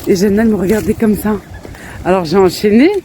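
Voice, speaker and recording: This woman speaks quickly in a warm, mid-pitched voice as she chats for her family vlog. She's in her thirties and outdoors in a park with her kids, often laughing and interrupting herself to talk to them, with faint street noise audible.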